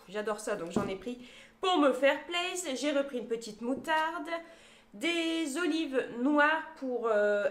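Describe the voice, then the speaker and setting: A chatty woman vlogger walks through her grocery haul in a casual, unscripted way, pausing often with hesitations. Her voice sits a little high, and the phone recording picks up a roomy echo from the space around her. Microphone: phone camera. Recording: echoey room.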